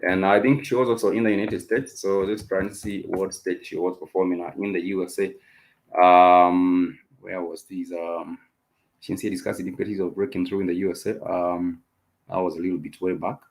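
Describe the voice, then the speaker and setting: A man with a Kenyan accent hosting an unscripted music talk show, speaking haltingly with many ums and repeated phrases. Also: low voice, little pitch movement, vocal fry, slight background noise. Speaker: radio show host.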